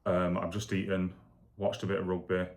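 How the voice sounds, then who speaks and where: A man with a deep voice talks through his day in a casual video diary. He sounds weak and foggy after surgery, with little rise and fall in his delivery. His account rambles along, candid and plain. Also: completely flat delivery, normal speed. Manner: rambling, candid, matter-of-fact. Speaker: vlogger recovering from shoulder surgery.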